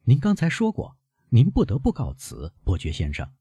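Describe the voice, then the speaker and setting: A man's voice: mid-range voice, huge pitch swings, moderate pace, warm tone, husky, no room sound, studio quality, voice pushed up, heavily acted. A man voicing a proud, insistent young noblewoman in an audiobook of a classic novel, speaking in a coaxing, teasing way.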